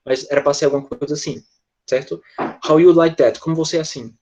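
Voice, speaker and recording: A man with a Brazilian Portuguese accent teaching English in an online class, chatty and joking, slowing down to model English phrases. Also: fairly high pitch, steady tone, warm tone, muffled recording.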